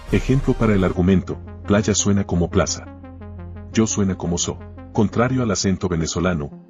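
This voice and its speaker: A man narrating a scripted rebuttal in a measured, lecturing and combative way. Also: sits low, darkish tone. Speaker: commentator narrating a rebuttal video. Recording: dull lo-fi audio with faint music.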